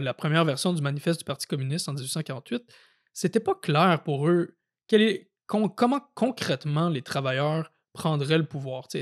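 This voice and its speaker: A man with a Québécois French accent, co-hosting a casual podcast and explaining political history, often pausing on fillers and restarts as he thinks aloud. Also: on the high side. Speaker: podcast co-host. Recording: audio-only podcast.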